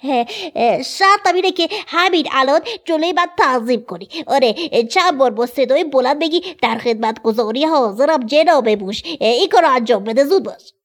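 A woman's voice: high voice, lively intonation, few pauses. A woman voicing a small, scared but proud mouse in a children's storybook. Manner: anxious then bossy.

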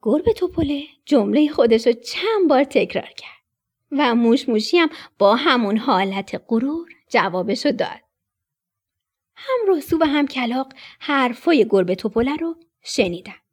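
A woman narrating a children's story expressively, dropping to a whisper at tense moments. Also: high voice. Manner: expressive, dips into whispers for suspense.

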